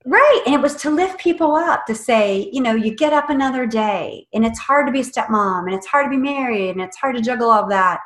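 Woman, podcast guest, casual chat, animated, laughs often, roomy echo. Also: a little high, fairly quick, few pauses.

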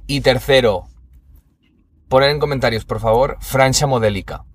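A man's voice: medium pitch, normal speed. Young Spanish man, podcast co-host, slangy anecdotes, acts out voices. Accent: Spain Spanish. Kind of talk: casual chat.

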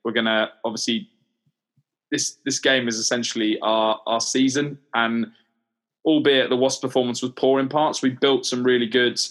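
A man's voice: medium pitch, steady tone, normal speed, fairly bright tone. A man co-hosting a podcast, talking thoughtfully and repeating words as he thinks. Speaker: podcast co-host. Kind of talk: casual sports chat.

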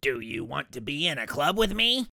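Picture a cheerful duck with a low, gravelly croak that bounces up and down with hope, as a woman puts him on. He talks slowly and carefully, and the sound is close and dry. It comes from a children's storybook reading. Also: very animated, sharp tone, no echo, exaggerated voice. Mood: eager. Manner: cheerful, hopeful. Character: eager friendly male duck. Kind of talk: storybook character voice.

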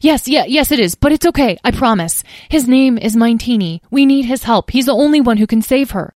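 A woman reading a storybook, voicing an earnest young boy who rushes to reassure everyone. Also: medium pitch, lively intonation, darkish tone, no echo, studio quality, close to an everyday voice. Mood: urgent. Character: eager young boy, unicorn-loving.

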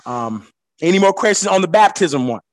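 A man leading a Bible study, animated, swinging between low asides and excited high peaks. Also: moderate pace, no room sound, clean studio sound.

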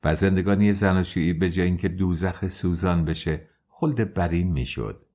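A man voicing a bold, sharp-tongued young courtesan in an audiobook, speaking in a taunting way. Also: sits low. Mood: reproachful.

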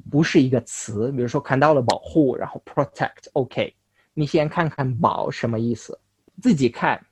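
A young man from Russia, a native Russian speaker, talks casually as an interview guest in foreign-accented Mandarin, halting and correcting himself. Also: medium pitch, darkish tone, husky, no echo. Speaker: interview guest, language learner.

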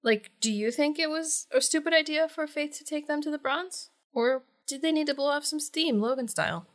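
A woman co-hosting a podcast in casual chat, animated and teasing, laughing often. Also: sits high, normal speed. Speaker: podcast co-host.

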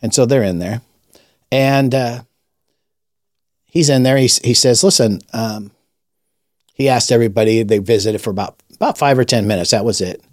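A man's voice: medium pitch, normal speed, long pauses, a little mellow, dry recording, studio quality. Man telling a personal faith story. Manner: rambling, with many restarts and fillers. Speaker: podcast host and rabbi. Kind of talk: conversational storytelling testimony.

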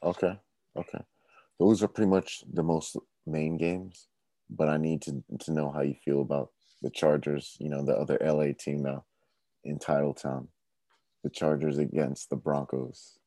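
Very deep, dark-voiced co-host. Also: male voice, little pitch movement, normal speed, no room sound. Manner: short agreeing replies, easygoing. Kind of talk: casual sports chat.

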